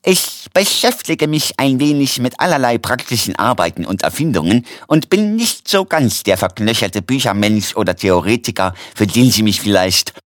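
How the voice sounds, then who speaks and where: A man's voice: mid-range voice, lively intonation, normal speed, few pauses, no echo, studio quality, natural voice. A man voicing a courteous elderly male doctor who talks in a polite, effusive, formal way. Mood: courtly.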